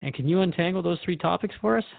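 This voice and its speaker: In a scripted drama, a man plays a thoughtful radio interviewer with a mild skeptical streak, asking questions in a reflective way. His voice sits high, gravelly and fast, and he commits fully to the character. The sound is dry and squeezed into a narrow, phone-like band.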